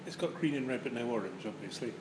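A man's voice: mid-range voice, lively intonation, fast. A man interviewing in a casual chat, with teasing, rambling questions. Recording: echoey room with clear background noise.

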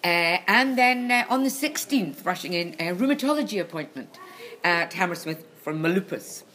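A woman's voice: on the low side, animated, moderate pace, fairly bright tone. A woman chatting casually and emphatically, bluntly and with some swearing, in a small, echoey concrete venue. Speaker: co-host and venue owner promoting shows. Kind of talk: casual rambling banter and announcements. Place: small echoey venue behind a charity shop. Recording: echoey concrete room, clear background noise.

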